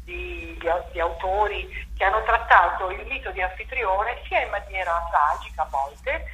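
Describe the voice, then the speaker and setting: A woman theatre director and playwright talks about her stage work in an interview, her mid-range voice pushed and bright at a moderate pace. She muses aloud with frequent fillers and restarts, recorded in an echoey space with faint background noise.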